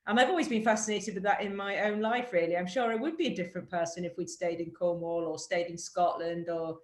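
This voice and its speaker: An English author with a blend of Yorkshire and Cornish accents chats on a video call as an interview guest, musing in a reflective, rambling way full of fillers and restarts. Her voice is lowish and fairly even, she talks fast, and the audio sounds roomy.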